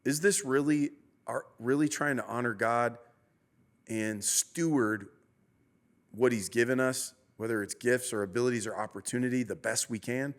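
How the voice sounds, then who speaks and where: A man's voice: medium pitch, moderate pace. A man, a pastor hosting a podcast, talking through his thoughts in an earnest, preacherly way and asking himself rhetorical questions. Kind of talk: reflective conversational podcast talk.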